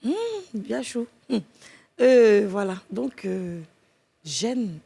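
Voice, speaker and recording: A woman plays a studio quiz game. Her voice is gravelly and husky, and she hums, hesitates and jokes while she spells out her answers. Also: mid-range voice, very slow, mellow. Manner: playful, hesitant, thinking aloud and joking while spelling. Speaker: game show contestant.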